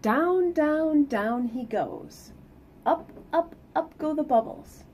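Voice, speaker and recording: Middle-aged woman, children's read-aloud, unhurried, sing-song emphasis, some background noise, small room. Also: high-pitched. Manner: animated, sing-song emphasis for young listeners. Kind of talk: expressive children's picture-book reading with casual asides. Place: small plain indoor room.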